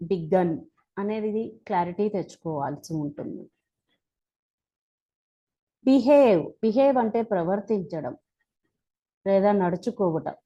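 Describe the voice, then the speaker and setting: A woman with a Telugu accent teaching English verb forms, reciting each form one by one slowly and deliberately. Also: medium pitch, mellow, lo-fi sound. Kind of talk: slow spoken-English lesson.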